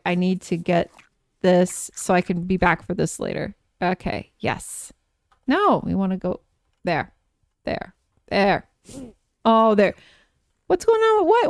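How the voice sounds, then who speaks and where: A woman streamer giving casual live gameplay commentary, gushing and excitable as she talks to herself and her chat. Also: mid-range voice, dry recording, clean studio sound.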